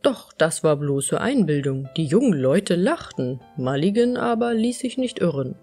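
A woman narrating a fairy tale in a calm, even storytelling manner. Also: low voice, a little slow, husky, faint music behind. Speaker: audiobook narrator.

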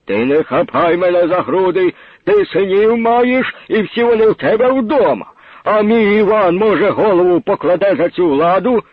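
A man voicing a shouting older peasant. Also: high voice, lively intonation, moderate pace, dry recording, phone-quality sound, voice pushed up. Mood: heated. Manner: shouting, heated.

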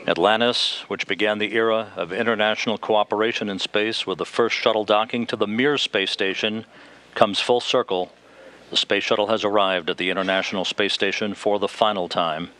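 An American man giving measured, ceremonial scripted commentary on a space mission. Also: fairly low pitch, bright, forceful tone.

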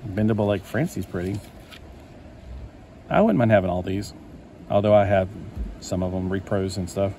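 This man pauses often as he speaks at a normal speed, his low-pitched voice dark in tone. He's leafing through a collector magazine at a table indoors, rambling happily to himself, with a little hiss or hum present.

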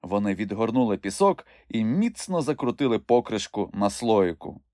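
A man narrating a children's audiobook in an expressive storytelling manner on a studio mic. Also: on the low side, moderate pace, dry recording.

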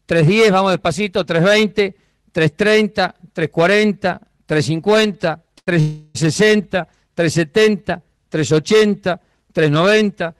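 A man with an Argentine accent calling prices at a cattle auction, repeating bids in a rapid chant and urging buyers on. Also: high-pitched, clear, resonant tone, dry recording.

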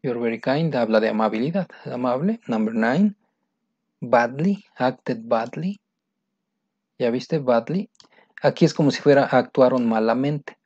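A man's voice: mid-range voice, darkish tone, breathy edge, dry recording. A man teaching English, going over exercise answers step by step in a patient, explaining manner and repeating each answer. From Mexico. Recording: dry, dull lo-fi sound.

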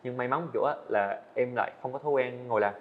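A young adult man, a student animator with a mid-range voice, answers interview questions on an indoor studio set. He talks fast, earnestly and casually, often restarting phrases, and the audio is narrow and tinny with a bit of hiss or hum.

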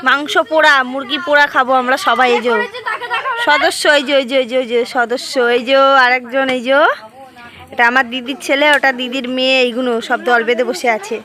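High-pitched woman doing excited vlog commentary outdoors; crowd noise behind. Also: a little fast. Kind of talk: casual vlog narration.

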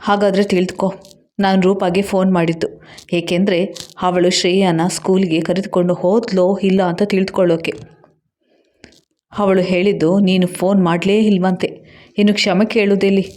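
A scornful, short-tempered husband from a storybook, as a woman reader puts him on. He fires sharp, accusing questions at his wife. The voice stays dark and mellow. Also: mid-range voice, little pitch movement, moderate pace, natural voice. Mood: angry. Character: angry husband, middle-aged man, scornful and short-tempered.

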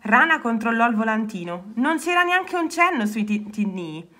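A woman reading a children's story aloud, expressive. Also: a little high, normal speed.

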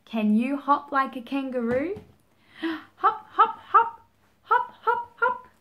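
Young woman for a children's storytime. High and sing-song, unhurried, gasps and invites the child to join in. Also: sing-song, pushed and bright. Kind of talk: reading and singing a picture book to young children. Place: small indoor room, seated at home.

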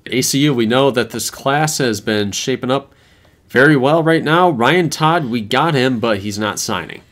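A man's voice: mid-range voice, expressive, moderate pace, a bit bright. A man hosting a casual chat about a football video game, laid-back as he walks through results. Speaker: host. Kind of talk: casual gaming commentary.

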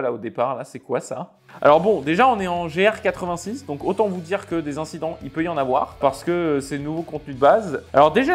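Fairly high-voiced man commenting on race clips. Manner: chatty and expressive, reacts aloud to crashes; talks in halting bursts with many fillers. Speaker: sim racing video creator.

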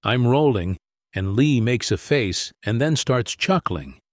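A man's voice: mid-range voice, animated, slow, darkish tone, dry recording. Man reading a story, dry and close. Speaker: audiobook narrator. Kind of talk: first-person story reading.

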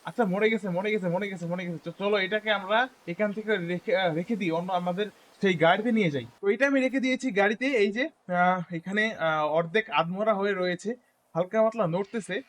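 A man giving casual gameplay commentary, chatting to his viewers and repeating words when excited. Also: sits high, fairly quick, a little hiss or hum. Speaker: gaming YouTuber.

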